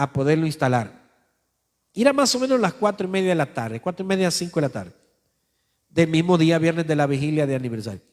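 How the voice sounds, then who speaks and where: A man's voice: fairly high pitch, big-room sound. A male pastor preaching a sermon, telling a story in a conversational way and speaking straight to his listeners.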